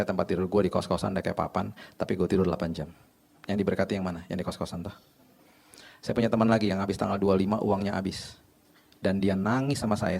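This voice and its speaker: A man's voice: medium pitch, a little mellow. A man preaching a casual, chatty sermon, telling stories and acting out conversations. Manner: chatty storytelling, acts out dialogue. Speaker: pastor.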